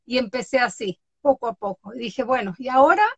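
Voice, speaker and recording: A high-voiced woman talks casually about the interviews she runs online. She acts out the people she quotes and laughs as she tells stories. The sound is dry and close. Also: fairly quick, slightly rough, no echo. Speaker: interviewer on social media. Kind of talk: casual conversation.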